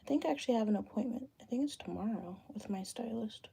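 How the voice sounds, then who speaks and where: Gravelly-voiced and relaxed, this thirty-something realtor runs a casual livestream Q and A on her phone camera, musing aloud while she does her hair. Her pitch is fairly high and her pace quick.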